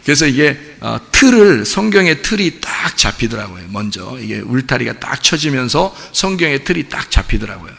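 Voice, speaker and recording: A man's voice: medium pitch, sing-song, normal speed, vocal fry, hardly any pauses, bright, forceful tone, slightly rough. A man pastor preaching a sermon in a conversational, storytelling way, acting out his own prayers. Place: church sanctuary. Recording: echoey church hall.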